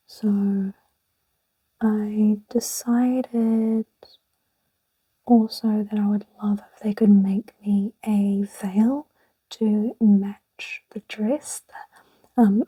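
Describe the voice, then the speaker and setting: Close to the microphone, a young native English speaker whispers for her ASMR channel, rambling and chatting with small laughs along the way. The recording is rough and free of room sound, and her medium-pitched voice is warm and husky.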